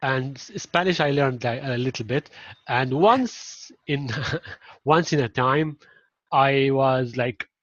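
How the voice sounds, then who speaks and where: A man's voice: mid-range voice, slow, a bit bright. A man from Syria, speaking as a guest over a video call. His audio is muffled and lo-fi, with no room echo at all. He explains things patiently, with many fillers and restarts. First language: Arabic. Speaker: guest, marketing implementation director. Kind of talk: casual interview answers.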